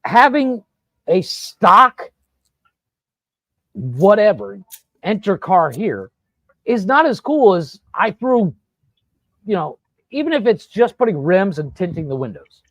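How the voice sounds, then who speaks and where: A man hosting a casual podcast, telling rambling, profane stories in an animated way. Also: high-pitched, slow pace, pauses often, no echo, low-quality recording. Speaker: podcast host. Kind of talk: casual storytelling chat. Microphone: podcast studio mic.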